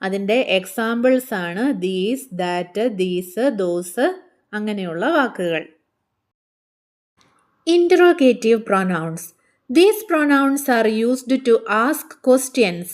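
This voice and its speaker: This is a woman with a Malayali accent giving a grammar lesson in a somewhat high voice. She reads each English definition out very slowly and carefully, then moves through her explanations at a brisker pace. Her delivery is patient and teacherly. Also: expressive. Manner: slow, deliberate reading of English lines, then quicker explanation in her own language.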